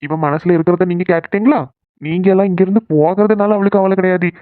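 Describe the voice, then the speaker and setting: A voice actor playing a teasing young husband and son-in-law in a cartoon, explaining things quickly. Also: mid-range voice, fairly even intonation, dry recording, lightly acted. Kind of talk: Tamil cartoon dubbing. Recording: tinny phone-like sound.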